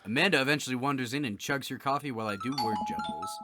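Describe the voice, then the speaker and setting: Deadpan man reading game text. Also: mid-range voice, racing, faint music behind. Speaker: let's play co-host reading game text aloud. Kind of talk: dry read-aloud narration of a visual novel.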